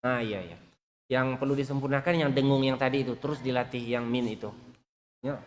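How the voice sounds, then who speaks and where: A man's voice: mid-range voice, a little fast. A man teaching Quran recitation, patiently repeating sounds for students to copy. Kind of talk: online recitation class. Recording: long reverb.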